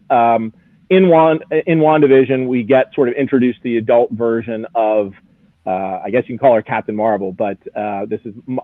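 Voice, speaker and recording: Through narrow, phone-like audio reminiscent of radio, a man with a mid-range voice is heard in a dry recording. He's an auction house executive guesting on a live show, chatting enthusiastically and expertly as he previews collectibles.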